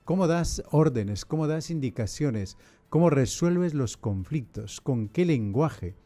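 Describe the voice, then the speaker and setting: A priest hosting a podcast, explaining in a didactic, measured way and asking many rhetorical questions. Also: male voice, a little high, expressive, dark tone, soft background music.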